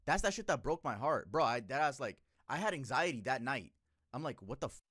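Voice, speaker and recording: A man in his twenties, a streamer casually telling a story to his chat, emotional and profane, jumping between loud outbursts and low muttering. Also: expressive, a little fast, slightly rough, dry recording, studio quality. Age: 20s.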